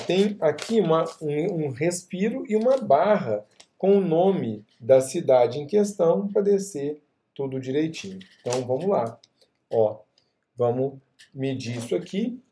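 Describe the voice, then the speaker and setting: A middle-aged man walks viewers through a screen-recorded software tutorial. He keeps asking if they are following along. His voice is dark, slightly high and gravelly. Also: a little hiss or hum. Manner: chatty, checks in often with the viewer. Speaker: software instructor.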